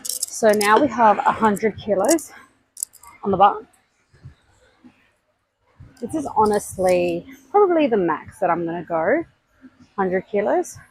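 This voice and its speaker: A woman's voice: medium pitch, sing-song, slow, long pauses, slightly rough, no echo, poor audio. A woman vlogging her gym workout on a body-worn mic, counting her reps aloud and explaining technique while out of breath between sets. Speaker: fitness vlogger. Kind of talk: casual workout vlog with coaching tips. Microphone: clip-on mic worn on body.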